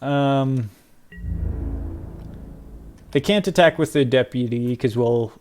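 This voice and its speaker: Excitable man doing gameplay commentary. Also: mid-range voice, slow pace, soft background music. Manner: excitable, swings from mutters to loud cries and laughter. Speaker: gaming video creator.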